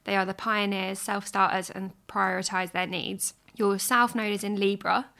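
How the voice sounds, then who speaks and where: A woman hosting a podcast, reading an astrology chart in a measured, explanatory way. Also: medium pitch, flat delivery, vocal fry, sharp tone.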